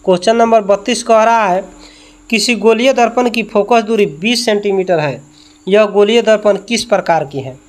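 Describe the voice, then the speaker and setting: A man's voice: sits high, normal speed. A male tuition teacher going through exam questions, repeating each answer and quizzing with rhetorical questions.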